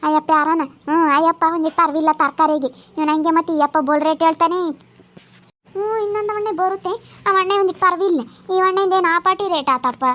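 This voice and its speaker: A woman's voice: very high voice, a bit bright. A woman playing a scolding village woman, haggling over vegetable prices. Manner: nagging, rapid-fire scolding. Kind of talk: comedy sketch acting.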